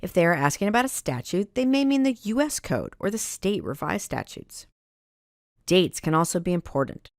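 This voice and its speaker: A woman giving a scripted training narration for librarians, reading do's and don'ts in a measured, instructional way. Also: lowish voice, very animated, no room sound, clean studio sound.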